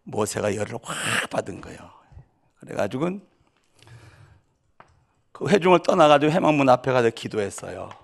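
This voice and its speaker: A man preaching a sermon with a rough, gravelly edge to his voice. His pitch leaps and dips as he turns to his listeners with rhetorical questions and acts out quoted lines with dramatic force. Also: sing-song, moderate pace, long pauses. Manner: acts out quoted voices with sudden loud outbursts. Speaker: pastor.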